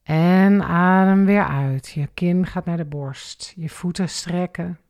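A woman calmly guiding a relaxation and breathing exercise step by step, counting the breaths. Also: on the low side. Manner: slow, calm step-by-step guidance with counted breaths. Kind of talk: guided exercise instruction.

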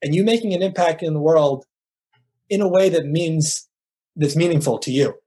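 With a fairly high, mellow and slightly rough voice at normal speed, a middle-aged life coach talks as an interview guest in a motivational conversation. Earnest and emphatic, he illustrates his points by playing out short dialogues.

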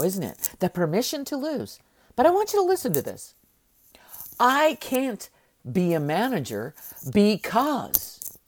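A middle-aged woman hosting a motivational podcast, speaking emphatically and repeating key words with dramatic pauses. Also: low voice, a little mellow. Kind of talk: motivational speech.

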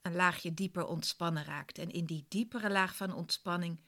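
A woman's voice: fairly low pitch, steady tone, normal speed, fairly bright tone. A woman instructor casually explaining a relaxation exercise, speaking directly to the listener. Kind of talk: casual spoken introduction to an exercise.

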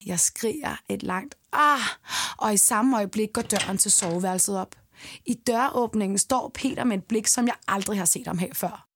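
A woman's voice: medium pitch, husky. A woman narrating a scripted first-person erotic audio story in an intimate manner, sometimes dropping to a whisper.

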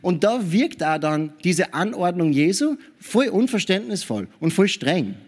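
A man delivers a sermon in a fairly high voice. He preaches in an animated way, often checking in with his listeners. He punctuates his points with hallelujah and amen. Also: a little slow. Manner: animated preaching with frequent tag questions.

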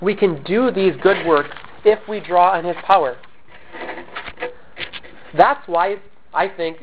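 A man preaching a sermon as pastor, earnest and measured, asking questions and answering them himself. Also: high voice, slight background noise. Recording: tinny phone-like audio.

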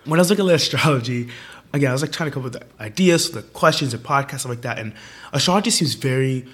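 This young man hosts a relaxed chat show, talking in an upbeat, rambling way full of fillers. His voice is worn and strained because he is losing it, and it sits at an ordinary male pitch. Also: quick pace. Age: young adult. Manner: upbeat, chatty, many fillers. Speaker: podcast host. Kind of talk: casual chat.

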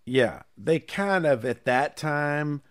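A man's voice: on the high side, expressive, slow. A man from Charlotte co-hosting a casual talk show, easygoing and conversational, with occasional chuckles. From Charlotte, North Carolina. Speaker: podcast co-host. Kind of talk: casual chat.

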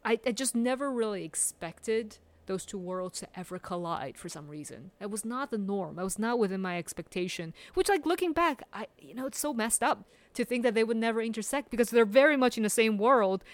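Her voice is higher and lively, a little fast with few pauses and no echo, as this woman from Taiwan reflects as a guest on a casual podcast. She's thoughtful, often using fillers and starting over.

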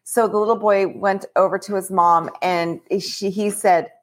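A woman who leads a childcare program, telling stories about children in a relaxed podcast conversation. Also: medium pitch, measured pace.

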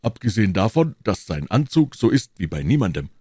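A man's voice: on the low side, very animated, brisk, mellow, husky, dry recording, studio quality. A man voicing a boastful, talkative burly musketeer with a chatty manner.

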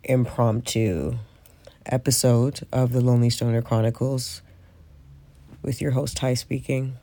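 A man's voice: medium pitch, level tone, normal speed, dark tone. Stoned man rambling, stoner podcast host. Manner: frequent swearing. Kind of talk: casual rambling solo monologue.

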